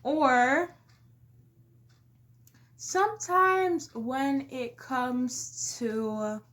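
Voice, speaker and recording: A young woman vlogger with a slightly high voice, talking slowly and deliberately. She speaks emphatically and addresses her viewers directly in a casual, joking way. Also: lively intonation, fairly bright tone. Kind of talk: casual comedic vlog.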